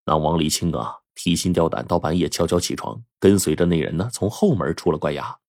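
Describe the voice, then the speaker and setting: A man telling a folk tale, with animated, dramatic narration. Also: sits low, fairly quick, no room sound, studio quality. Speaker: storyteller. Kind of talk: oral storytelling.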